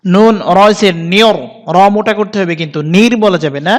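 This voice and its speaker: A man teaching recitation pronunciation, spelling out each syllable and then stretching the words into slow recited phrases. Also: sits high, in a large hall. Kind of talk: spoken pronunciation lesson with slow drawn-out recitation.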